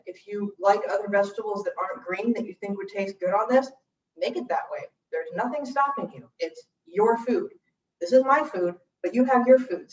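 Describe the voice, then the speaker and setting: A woman hosts a relaxed cooking lesson, chatting as she tastes each dish and describes its flavors and textures. Her voice sits a little back from the mic in an echoing room, and the streamed audio sounds slightly dull. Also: mid-range voice, a little hiss or hum. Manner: chatty, tasting and describing food aloud. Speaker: cooking class host. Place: church room. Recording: roomy, dull livestream audio from a distance.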